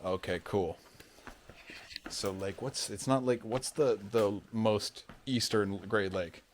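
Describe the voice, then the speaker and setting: A man from the United States talks at length in a lowish voice, rambling from point to point. He is opinionated and breaks into laughter often, the way a vlogger chats with a friend. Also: slow pace, a little hiss or hum. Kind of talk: casual chat.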